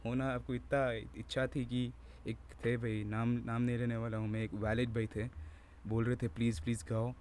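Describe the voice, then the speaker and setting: A man's voice: mid-range voice, flat delivery, normal speed, a little mellow, a little hiss or hum. A young man, chatting casually to camera at home in a rambling, self-mocking, slangy way. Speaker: vlogger. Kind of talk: casual joking chat to camera.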